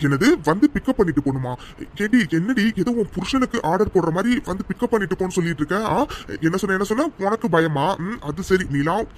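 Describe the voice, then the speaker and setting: A man's voice: high voice, lively intonation, fast, slight background noise. A man voicing a curt, mocking young man who brushes off a caller in a cartoon love story. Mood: irritated. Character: rude, dismissive young man. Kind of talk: cartoon voice acting.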